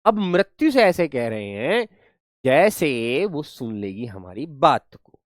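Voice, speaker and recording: A man teaching an online class. He is lively, acts out examples in funny voices and keeps checking in with his students. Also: medium pitch, slow pace, dry recording, clean studio sound. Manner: coaxing, checks in with students often.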